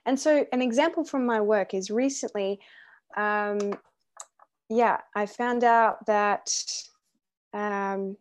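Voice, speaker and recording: A woman's voice: mid-range voice, slow pace. A young woman hosting a faith podcast, talking earnestly and encouragingly, with frequent ums and restarts. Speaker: podcast host. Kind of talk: casual faith podcast chat.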